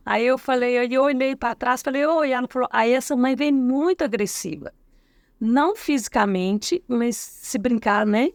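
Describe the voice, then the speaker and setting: A woman's voice: a little high, normal speed, no echo, clean studio sound. A middle-aged woman with a Brazilian accent, a guest educator telling a story in a casual interview, acting out the dialogue and often adding tag questions. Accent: Brazilian Portuguese. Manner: acts out quoted dialogue, frequent tag questions.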